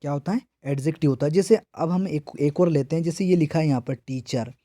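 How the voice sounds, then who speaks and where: A teacher from India walks students through grammar for an entrance exam. He fires off questions and answers them himself, again and again. His voice sits a little high but sounds mellow, and it is recorded close and dry. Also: brisk, no echo. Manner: repetitive call-and-response questioning. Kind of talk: exam prep lesson.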